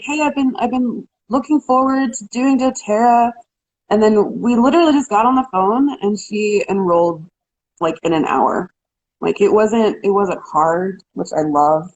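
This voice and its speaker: A woman co-hosting a casual live chat, talking quickly and loosely, laughing often and restarting her sentences. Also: mid-range voice, a little mellow, rough recording. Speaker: co-host.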